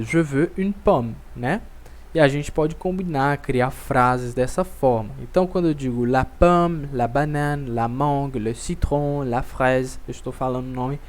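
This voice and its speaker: A man teaching French in an online lesson, saying example phrases slowly and repeating them for learners to echo. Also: a little high, darkish tone.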